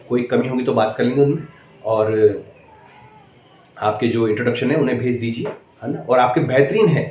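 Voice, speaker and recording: A man giving casual, instructive advice to interview candidates, often tagging his sentences with a quick "है ना". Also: medium pitch, a little mellow. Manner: repeats "है ना" as a tag, direct and instructive. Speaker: interview coach. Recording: echoey room, faint ambient noise.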